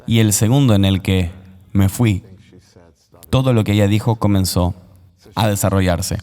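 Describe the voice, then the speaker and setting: A man recounting a personal testimony as an interview guest, in an earnest, measured voice-over. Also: fairly low pitch, steady tone, dark tone, in a large hall.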